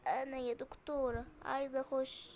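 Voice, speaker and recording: A woman's voice: sits high, flat delivery, fairly quick, darkish tone, slight background noise, lightly acted. A woman with an Egyptian accent voicing an old woman patient with weak eyesight in a game role-play, plaintive in manner.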